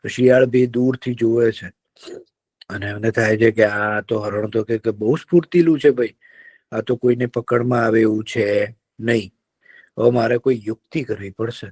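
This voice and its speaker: A man telling a folk tale to children in a lively, drawn-out, engaging way. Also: mid-range voice. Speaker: storyteller for children. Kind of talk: children's storytelling.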